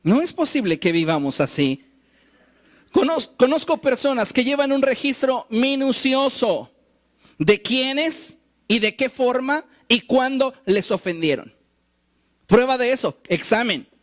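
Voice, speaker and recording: A man preaching a sermon, animated and wry, acting out the quoted lines he tells. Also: very high-pitched, a little slow. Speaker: pastor.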